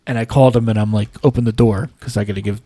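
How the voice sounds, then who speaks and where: Speaking rapid-fire with a dark, fairly low voice and fairly even intonation, a man co-hosts a podcast. He tells long, self-deprecating stories in an easygoing, chatty way. The studio recording on a podcast mic has no echo.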